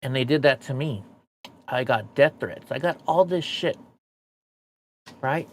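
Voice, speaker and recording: A man's voice: medium pitch, unhurried. An American man with missing front teeth venting bluntly and casually to his stream viewers, swearing as he rambles. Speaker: streamer, show host. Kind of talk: candid monologue to viewers, casual and profane.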